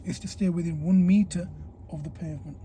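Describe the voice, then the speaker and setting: A man's voice: sits high, steady tone, a little fast, mellow. A man working as a driving instructor, guiding a learner step by step in an encouraging way inside a car. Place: inside a car being driven. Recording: clear car noise. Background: car engine and road noise.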